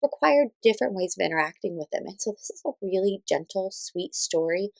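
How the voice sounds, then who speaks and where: A woman in her thirties, a parent, casually recommends children's read-aloud books, informal and a bit hesitant as she thinks aloud while explaining. Her mid-range voice is creaky, and the recording is poor, though there's no echo.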